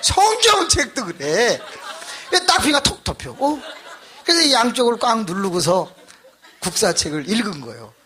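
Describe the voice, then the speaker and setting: A man pastor preaching a revival sermon, telling a story with animated, acted-out voices. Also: sits high, moderate pace, some chatter behind.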